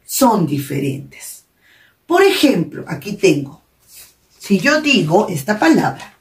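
A woman with a Peruvian Spanish accent, a primary school teacher reviewing a lesson for young pupils, encouraging and praising often. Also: medium pitch. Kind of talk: recorded online class review. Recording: echoey room, mic at a distance.

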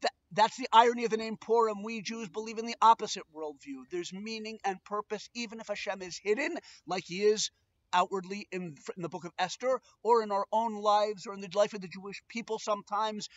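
Male rabbi, middle-aged, Brooklyn accent, high voice, playful emphatic delivery, slightly muffled outdoor camera sound. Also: a little fast, dry recording. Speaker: rabbi and presenter. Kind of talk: informal video talk with religious teaching. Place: outdoors on a back porch.

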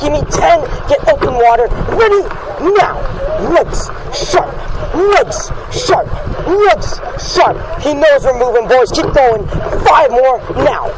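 High-pitched male coxswain over loud noise. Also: expressive, slow. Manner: commanding, urgent, clipped repeated counts. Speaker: rowing coxswain. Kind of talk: shouted race calls to a crew. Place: outdoors in a rowing boat on a lake. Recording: noisy outdoor cox recording on water. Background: loud boat and water noise.

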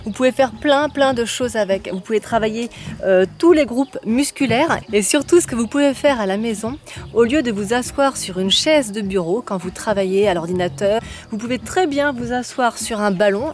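A fitness coach in her forties talks casually into a phone held at arm's length. Her voice sits a little high, and she often stops to hesitate as she goes. She is outdoors on a sunny lawn. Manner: chatty, frequent hesitations. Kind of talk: casual talk to camera.

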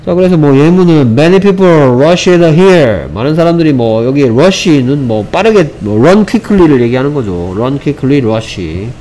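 A man's voice: a little high, lively intonation, slow, hardly any pauses, warm tone. Korean man teaching English vocabulary. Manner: explains step by step, repeats phrases, mixes English examples into Korean. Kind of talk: online English vocabulary lesson.

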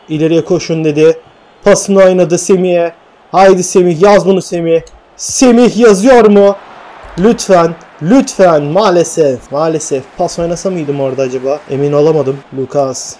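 A young man giving excited play-by-play commentary on his own football video game match, swinging from calm narration to shouts at missed chances. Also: a little high. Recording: faint game music behind.

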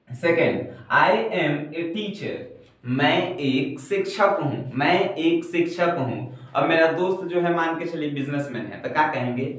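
A young man in his twenties teaching a basic spoken English lesson in a classroom at a whiteboard. He repeats each example sentence slowly and patiently. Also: fairly high pitch, distant mic. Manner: slow, repetitive teaching, saying each example twice. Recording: very echoey room, heard from afar.

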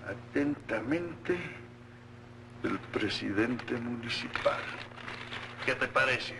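Blustering sarcastic Mexican tailor, noisy recording. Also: male voice, mid-range voice, lively intonation, takes it slowly, gravelly. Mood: exasperated. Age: middle-aged. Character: grumpy, sarcastic middle-aged tailor and father. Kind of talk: 1950s Mexican film comedy acting. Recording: noisy old film soundtrack.

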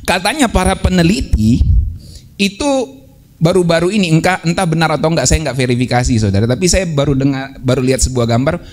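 A man's voice: a little high, fairly quick. A man preaching a sermon in a casual, joking way, teasing the congregation with playful mock quotes and often calling them brothers and sisters. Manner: addresses listeners as "saudara" often.

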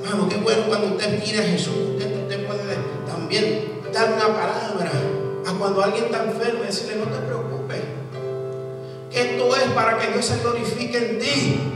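A middle-aged man preaching a fiery sermon as pastor, shouting at peaks and dropping to quiet asides, repeating his phrases. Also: sits high, fairly even intonation, moderate pace, loud music behind the voice. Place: church sanctuary with stage. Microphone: handheld mic. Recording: echoey church hall from far off.

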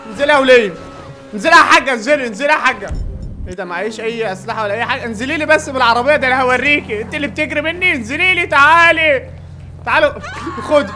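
A man with an Egyptian accent giving excited gameplay commentary, yelling at the game's characters. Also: very high-pitched. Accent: Egyptian Arabic. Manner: excitable, yells at game characters. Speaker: gaming YouTuber.

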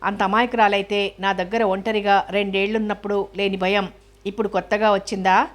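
A woman's voice: medium pitch, level tone, brisk, natural voice. A woman reading as a bitter, proud young husband. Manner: sarcastic and bitter.

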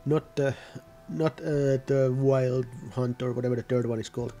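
A man's voice: medium pitch, fairly even intonation, normal speed, dark tone. A man giving casual, rambling gameplay commentary, often correcting himself mid-sentence. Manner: rambling, self-correcting, offhand. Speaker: gaming video host.

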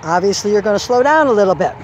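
Walking the outdoor horse course she designed, a woman explains each obstacle without rushing, correcting herself here and there in an instructional walk-through. Her voice is medium-pitched and expressive. Filmed on a handheld phone, the audio carries faint outdoor noise and occasional distance from the mic.

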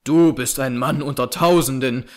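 A man's voice: medium pitch, normal speed, darkish tone, lightly acted. A man reading aloud, voicing a frightened older farmer and father who speaks anxiously. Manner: anxious and breathless. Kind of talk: audiobook character reading.

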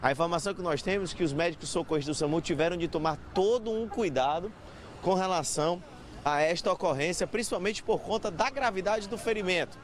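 Street reporter guy, kinda high voice, urgent, traffic going by outside. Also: brisk. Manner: urgent, questioning witnesses. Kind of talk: live on-scene news report. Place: busy city avenue outdoors. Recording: street traffic noise behind.

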